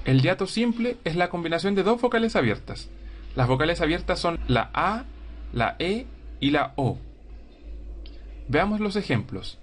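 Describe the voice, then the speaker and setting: A man teaching a grammar lesson, explaining slowly and clearly and sounding out words syllable by syllable. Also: a little high.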